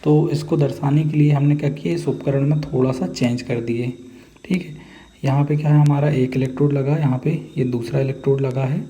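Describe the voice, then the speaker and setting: Hindi-accented man teaching chemistry, dark mellow voice, keeps asking if the class follows, echoey room. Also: medium pitch, fairly even intonation, brisk, muffled recording. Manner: explains step by step with constant "theek hai" check-ins; asks and answers his own questions. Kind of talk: chemistry lesson. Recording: echoey room with long reverb, faint background noise.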